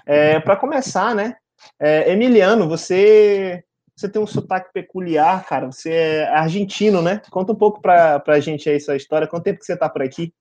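A man with a Brazilian Portuguese accent hosts a casual, conversational podcast, chatting informally and checking in often with tag questions. His voice is high-pitched and a little mellow, and he speaks at a moderate pace.

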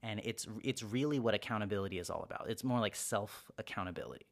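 A young man hosts a podcast, talking fast in a lowish voice as he rambles through casual self-help advice. Now and then he acts out short quoted exchanges in a raised voice.

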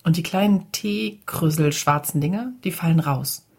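A woman's voice: low voice, normal speed, gravelly, darkish tone, husky. A woman narrating a children's story in a chatty, casual way, often turning to talk to the listeners. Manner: chatty, addresses listeners directly.

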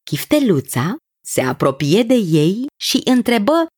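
A woman narrating a children's fairy tale in an expressive, sing-song way. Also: mid-range voice, breathy edge, no echo, clean studio sound. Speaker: storyteller.

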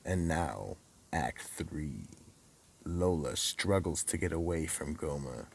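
A man playing a psychotic, sinister horror host and storyteller of an audio drama, gravelly and menacing, drawing out his words theatrically. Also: deep voice, darkish tone, full character voice. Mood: ominous. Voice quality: gravelly, raspy. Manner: menacing, drawn-out delivery.

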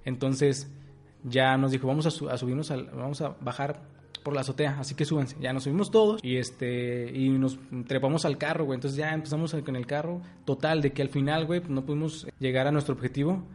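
A young adult man with a Mexican accent, chatting casually as a podcast co-host, full of slang, laughing often and loudly acting out the lines he quotes. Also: medium pitch, a little fast. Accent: Mexican Spanish. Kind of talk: casual chat.

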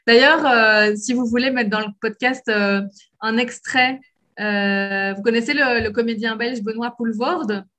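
A woman from Belgium with a softened Liège accent, explaining her views in a casual conversation with frequent hesitations. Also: on the high side, steady tone, a little slow. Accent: Belgian French, from Liège, softened.

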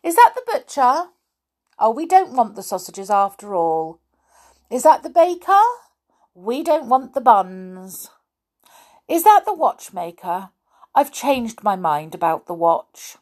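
Putting on a full character voice, a woman narrator plays a smug, bossy doll who teases the other toys, talking grandly and slowly on the phone like a spoiled girl from a storybook. Her high voice swoops up and down, very animated and a bit dark in tone.

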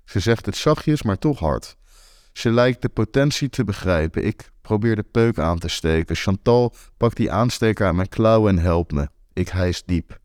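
A young man telling a first-person story in a wry, deadpan way. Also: lowish voice, moderate pace, dry recording, studio quality. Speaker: author and narrator.

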